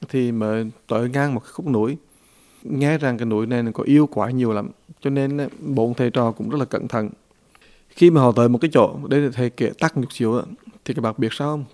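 A male Buddhist teacher gives a storytelling dharma talk, speaking folksy and directly to his listeners. His voice is gravelly. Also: mid-range voice, a little mellow.

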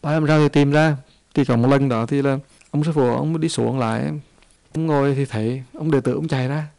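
A man giving a Buddhist dharma talk, telling a teaching story in a halting, repetitive way. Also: mid-range voice, vocal fry, a little mellow.

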